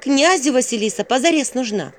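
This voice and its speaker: A woman's voice: high-pitched, animated, brisk, slight background noise, voice pushed up. A woman voicing an earnest young sorceress girl who speaks with worry and frequent sighs. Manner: earnest, worried, sighing. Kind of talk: audiobook character voice.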